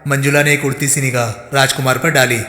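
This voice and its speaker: A man narrating a mystery novel audiobook in an even, steady storytelling manner. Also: mid-range voice, fast talker, reverberant, in a large hall.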